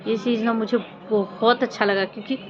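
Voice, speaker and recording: A woman with a slightly high, steady voice talks a little fast while a crowd murmurs behind her. She's a vlogger giving her viewers informal commentary on a social media controversy, sounding earnest, reproachful and emphatic, and she leans on rhetorical questions. The audio is muffled and lo-fi, with faint noise.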